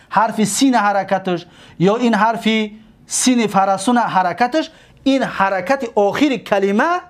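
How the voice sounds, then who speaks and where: Lively high-pitched Tajik teacher drilling words. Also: male voice. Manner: drawn-out slow repetitions of words, questions to students. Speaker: religious school teacher. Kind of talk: grammar lesson.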